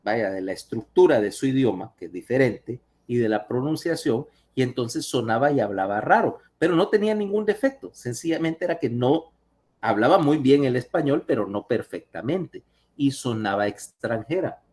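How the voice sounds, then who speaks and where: A man's voice: medium pitch, lively intonation, moderate pace, darkish tone. Chatty man giving an online lecture. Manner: chatty, asks listeners questions.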